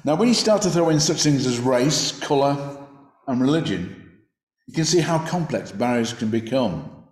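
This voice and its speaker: This is a man, preaching a sermon. He talks in a reflective, conversational manner, sometimes restarting a phrase, at an ordinary middle pitch. His voice carries a roomy echo. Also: animated, normal speed, a little mellow.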